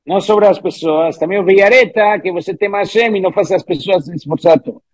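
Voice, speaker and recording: Husky high-voiced man teaching Talmud. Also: fairly quick, no room sound. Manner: reads Hebrew and Aramaic phrases, then explains them with repeated "¿cierto?". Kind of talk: Talmud class explaining a text line by line.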